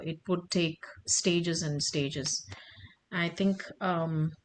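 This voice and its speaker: Slow, low woman on a video call. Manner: hesitant, searching for words. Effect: heard over a video call. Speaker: video call participant asking a question. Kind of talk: casual question on a group video call.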